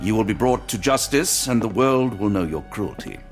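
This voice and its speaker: A man playing an earnest, weary English doctor in a video game, polite and measured with a dry, wry streak. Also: fairly low pitch, expressive, faint music behind. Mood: firm, persuasive.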